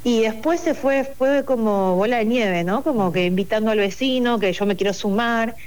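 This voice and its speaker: A woman from Buenos Aires, Argentina, a project coordinator, explains her project in an interview conversation in Buenos Aires Spanish. Her voice is slightly high, a little mellow and smooth, at a moderate pace, and she hesitates with many fillers and restarts.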